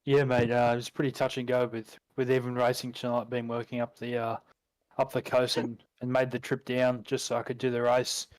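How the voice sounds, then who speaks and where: A man's voice: mid-range voice, completely flat delivery, brisk, dry recording, rough recording. An Australian man, a racing driver, giving a casual and understated post-race interview.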